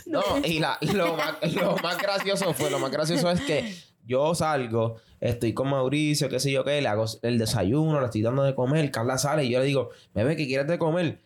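A man's voice: mid-range voice, normal speed. A man with a Puerto Rican accent, chatting casually on a podcast and playfully acting out what people said. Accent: Puerto Rican Spanish. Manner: playful, acts out quoted dialogue. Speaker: podcast co-host. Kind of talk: casual chat.

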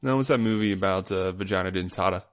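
Low-voiced man with deadpan absurd humor. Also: fast talker. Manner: deadpan absurd jokes, playful. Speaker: podcast co-host. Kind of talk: casual comedic chat.

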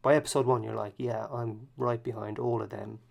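Male co-host, mid pitch with gravel, relaxed conversational delivery. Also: brisk. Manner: easygoing, chuckling, self-correcting. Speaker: podcast co-host. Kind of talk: casual chat about TV.

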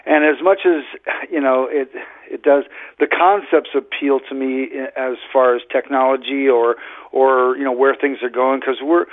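A halting man calling in over a tinny phone line. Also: mid-range voice, steady tone. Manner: halting, with many fillers and restarts. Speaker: radio show caller. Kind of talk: casual call-in chat.

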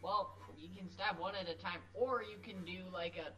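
A woman's voice: lowish voice, steady tone, normal speed, fairly bright tone. A woman casually running a tabletop role-playing game as game master.

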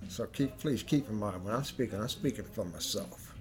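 A man's voice: fairly low pitch, moderate pace. A man hosting a podcast with a casual spiritual monologue, reflective and speaking directly to listeners. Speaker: podcast host.

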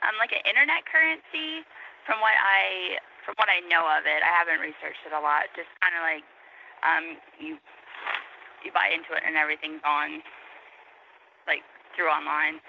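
A woman working at a restaurant, talking over a phone line, friendly and a bit rushed. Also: deep voice, vocal fry. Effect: heard over a phone line. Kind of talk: casual phone call. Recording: tinny phone line, noisy workplace. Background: noisy workplace.

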